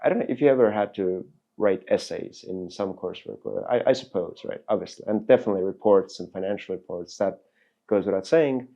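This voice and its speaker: A man's voice: fairly low pitch, brisk, creaky, warm tone, highs cut off. A man hosting a podcast, asking long, rambling, searching questions in casual conversation. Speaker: podcast host. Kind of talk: casual interview.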